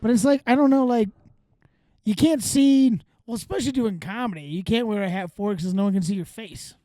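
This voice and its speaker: A man's voice: high voice, a little fast, dark tone, studio quality. A man in his forties hosting a comedy podcast in casual, joking banter. He plays off his co-host and echoes the jokes back. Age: 40s. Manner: playful, repeats and riffs on jokes. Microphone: studio microphone.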